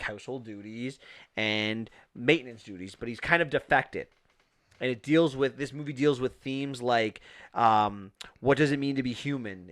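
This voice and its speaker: A man's voice: medium pitch, fairly bright tone. A man co-hosting a movie podcast, talking enthusiastically and rambling with frequent restarts. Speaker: podcast co-host. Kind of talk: casual movie review chat.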